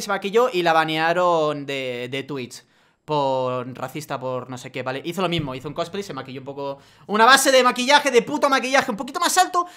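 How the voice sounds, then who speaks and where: A man ranting in a vlog monologue, profane and exasperated, swinging from loud outbursts to low muttering. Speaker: YouTuber.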